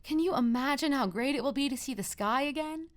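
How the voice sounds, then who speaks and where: A woman's voice: high voice, brisk, lightly acted. A woman playing a chatty, self-deprecating radio host of the apocalypse in a scripted comedy, with a wry, awkwardly upbeat manner. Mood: warm, wry.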